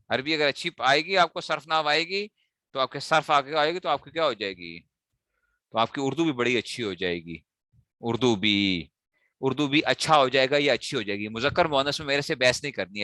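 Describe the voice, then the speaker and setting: A man teaching a morning class, correcting mispronounced words by repeating them slowly and checking that students follow. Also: medium pitch, bright, forceful tone, dry recording, clean studio sound. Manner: asks students checking questions. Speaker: teacher of Arabic morphology. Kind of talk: classroom lecture.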